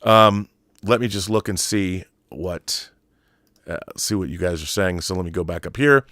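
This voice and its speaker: Low-pitched and fairly bright, the voice belongs to an American man running a livestream at a moderate pace. His monologue is casual, opinionated, and rambling, with repeated phrases for emphasis as he reads viewer comments, all in a dry, studio-quality recording.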